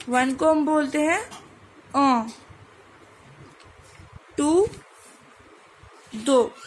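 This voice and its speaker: A woman's voice: sits high, a little hiss or hum, poor audio. A woman teaching French number pronunciation, mixing Hindi with English and sounding out each word. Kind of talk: online language lesson.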